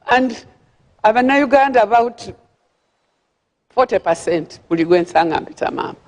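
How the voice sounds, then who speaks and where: A woman's voice: on the high side, animated, moderate pace. Older Ugandan woman speaking in a hall. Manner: chatty, repeats words while searching for them, laughs at her own remarks. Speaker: guest speaker at a gala. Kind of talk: formal speech with friendly asides. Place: large banquet hall. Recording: long hall reverb.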